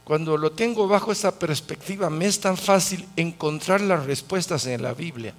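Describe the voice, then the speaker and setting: Male preacher, a touch high, lively and questioning in his Bible teaching. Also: normal speed. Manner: asks the audience questions, lively.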